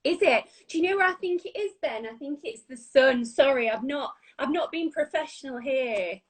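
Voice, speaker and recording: Young Yorkshire woman, high bright voice, bubbly guest on a video call. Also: animated, moderate pace. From Yorkshire, England. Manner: bubbly, warm, laughs often. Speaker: guest, actor and presenter. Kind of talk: casual video-call chat. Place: bright room at home.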